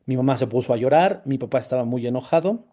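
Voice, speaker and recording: A man's voice: medium pitch, expressive, fast talker, mellow. A man with a Mexican accent, a priest, giving a personal testimony talk with slides, telling his story in a conversational way and often adding tag questions.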